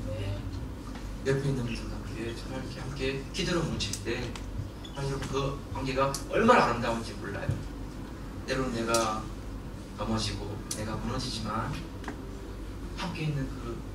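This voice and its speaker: Male pastor, animated sermon delivery, distant mic in a noisy echoing sanctuary. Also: medium pitch, moderate pace, long pauses. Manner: animated, laughing and shouting in bursts. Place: church sanctuary. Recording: echoey hall from far off, noisy.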